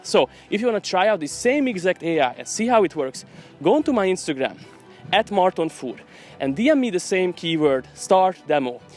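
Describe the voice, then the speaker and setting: A man talking casually to camera in a vlog while walking outdoors, in an upbeat, salesy, chatty way. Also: a little high. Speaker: vlogger.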